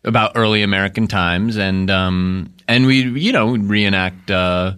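A man's voice: lowish voice, fairly even intonation, unhurried, a bit bright, clean tone. A man co-hosting a comedy podcast, sarcastic and mock-stern in improvised banter.

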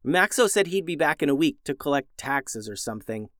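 A man voicing June, an eager, polite young girl who talks excitedly. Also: on the high side, fairly quick, dry recording, clean studio sound.

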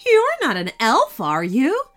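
A big green cyclops cook in an apron , voiced by a woman reading aloud, chatty, nosy and a little suspicious. She talks with loud, high, swooping emphasis. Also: very animated, takes it slowly, heavily acted.

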